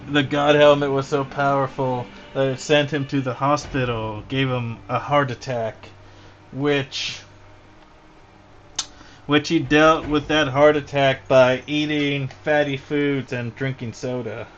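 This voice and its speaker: A man's voice: mid-range voice, fairly even intonation, takes it slowly, slight background noise. A man chatting casually while drawing on a livestream, rambling through an amused story. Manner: chatty, amused, often laughs mid-story. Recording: dull lo-fi with faint music.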